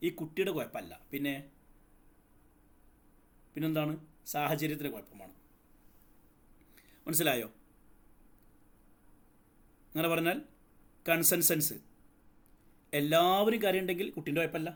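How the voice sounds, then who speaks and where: A man's voice: fairly high pitch, a little slow, pauses often. A man teaching a psychology lesson, explaining step by step, asking the class questions and mixing in English terms. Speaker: psychology tutor. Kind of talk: lecture.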